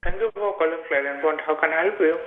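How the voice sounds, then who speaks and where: A man's voice: a little high, quick pace. A hotel front desk clerk, a man heard over the phone on speakerphone, answering politely and calling the caller sir. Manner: polite, adds "sir" to most replies. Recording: tinny, roomy speakerphone line.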